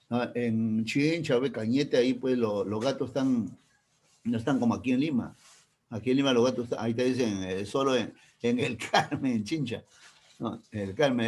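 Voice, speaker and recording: A male teacher with a Peruvian Spanish accent gives a classroom lecture, often checking in with his students and explaining through everyday examples. His voice is mid-range with a darkish tone.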